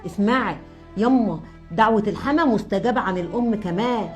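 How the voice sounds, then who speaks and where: A woman's voice: mid-range voice, soft background music, natural voice. A woman with an Egyptian accent plays a moralizing middle-aged mother who scolds her daughter in a comedy sketch. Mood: preachy. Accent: Egyptian Arabic. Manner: fast, scolding, preachy. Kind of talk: web comedy sketch acting.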